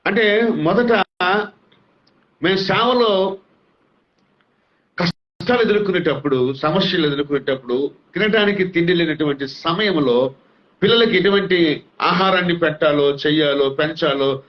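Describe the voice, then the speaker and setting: Middle-aged male pastor, earnest and fervent in his testimony, slightly high voice, muffled lo-fi sound. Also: measured pace, long pauses. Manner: earnest, rising fervor, tearful. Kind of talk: emotional testimony. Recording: dull lo-fi sound.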